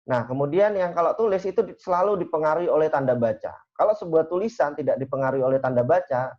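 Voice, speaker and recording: A man giving a university lecture in a casual, conversational way, full of fillers. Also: mid-range voice. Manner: conversational, uses many fillers. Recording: dull lo-fi recording.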